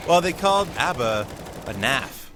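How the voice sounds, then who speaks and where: A man's voice: medium pitch, sing-song, normal speed, background noise. A man co-hosting a podcast, telling a film story in casual chat and laughing often. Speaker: podcast co-host.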